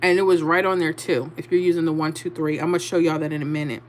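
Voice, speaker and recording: A woman's voice: deep voice, flat delivery, quick pace, slight background noise. A middle-aged woman from Louisiana hosting a livestream, chatting casually and laughing as she reads comments. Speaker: livestream host.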